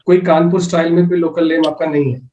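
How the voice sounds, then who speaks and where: A man interviewing a guest with rapid-fire questions, polite and encouraging. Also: fairly high pitch, level tone, mellow, a little hiss or hum. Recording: echoey, distant, dull sound.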